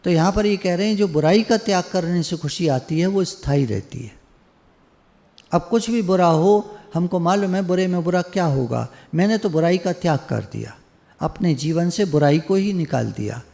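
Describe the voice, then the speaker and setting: A man's voice: high-pitched, lively intonation, normal speed, vocal fry, mellow, big-room sound. A man giving a conversational devotional discourse over an online call, teasing his listeners and acting out the people he quotes. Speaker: spiritual teacher. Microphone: online video call.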